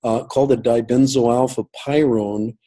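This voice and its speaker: A man's voice: mid-range voice, steady tone, moderate pace, mellow, low-quality recording. A man telling a long personal story as an interview guest over a call, rambling with many fillers and restarts. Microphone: call audio.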